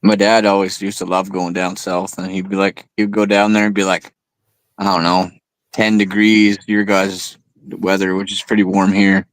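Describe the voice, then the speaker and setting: A man's voice: low voice, flat delivery, moderate pace, dry recording, low-quality recording. A man in his late thirties chatting casually, laughing often and swearing freely. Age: 30s. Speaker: chat participant. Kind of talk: casual chat.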